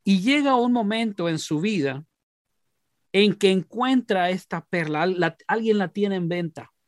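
A man's voice: high-pitched, lively intonation, unhurried, dry recording, clean studio sound. A man preaching a sermon, telling a parable in a conversational way with frequent restarts and repeated words. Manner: conversational, with many restarts and repetitions. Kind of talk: storytelling sermon.

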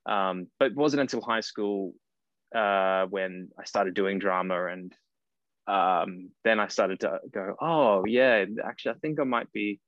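Australian man, early thirties, guest actor: low voice, loose and rambling, dry lo-fi call sound. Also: unhurried, dry recording. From Cairns, far north Queensland, Australia. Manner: rambling, self-correcting, laughs at himself. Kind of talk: casual podcast interview. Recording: dry, dull lo-fi call audio.

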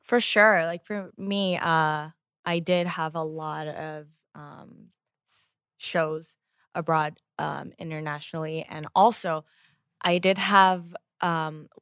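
A woman's voice: low voice, fairly even intonation, slow, a bit bright, smooth, no room sound, studio quality. A young woman chatting casually as an entertainer guest in an interview. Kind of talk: casual chat.

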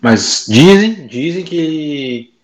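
A man's voice: a little high, expressive, very slow, crowd noise. A man arguing emphatically in a casual football debate. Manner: emphatic, keeps adding "meu". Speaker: football pundit.

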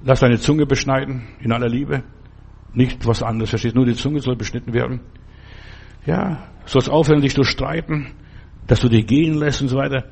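A male preacher delivers a sermon with a slightly husky, breathy voice at a middle pitch. He speaks emphatically and turns often to the listener with direct questions and exhortations. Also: fairly even intonation, normal speed, darkish tone.

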